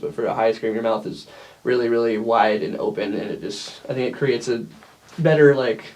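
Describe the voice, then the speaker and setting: A man gives a casual how-to talk in a middle-pitched voice. His delivery is informal and loose, circling through explanations in a halting, conversational way, like a vocalist teaching other singers. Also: a little mellow. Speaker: metal band vocalist giving a tutorial. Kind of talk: casual instructional chat.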